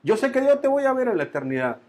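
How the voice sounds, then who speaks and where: A man preaches in a Colombian accent with a high-pitched voice. He tells the story with emphatic repetition, building intensity and then dropping it again. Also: very animated, quick pace, darkish tone. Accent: Colombian Spanish. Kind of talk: sermon.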